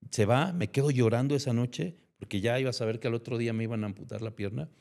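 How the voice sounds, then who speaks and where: This man, speaking with a Mexican accent, shares an emotional testimony as a guest and acts out the dialogue he recalls. His mid-range voice is darkish with vocal fry, and he talks at a quick pace.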